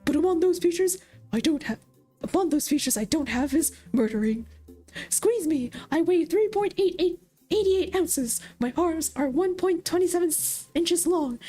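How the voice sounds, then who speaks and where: A streamer voicing a smug, sarcastic plush robot companion toy with a boastful, snippy manner. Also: female voice, expressive, normal speed, warm tone, faint music behind. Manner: boastful, snippy, high and bouncy.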